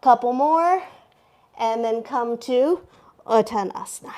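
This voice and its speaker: Woman yoga teacher, fairly high voice, slow deliberate cues, repeats commands, encouraging, sometimes out of breath. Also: darkish tone. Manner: cueing poses with short repeated commands; encouraging, checks in with "okay?". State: out of breath at times. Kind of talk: live yoga class instruction.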